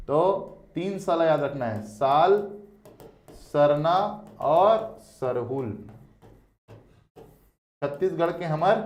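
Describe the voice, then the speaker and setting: A male teacher with a Chhattisgarhi accent gives an exam coaching lecture. He talks in an animated, emphatic way, repeats key words and calls his students "beta". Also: on the high side.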